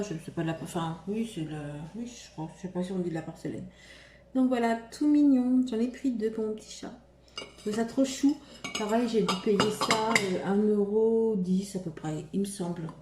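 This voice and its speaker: Mellow-voiced woman chatting in a roomy echo. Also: mid-range voice, moderate pace, slight background noise. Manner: hesitant, full of fillers and restarts. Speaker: vlogger showing shopping haul. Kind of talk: casual haul vlog chat. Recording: roomy echo, faint room ambience.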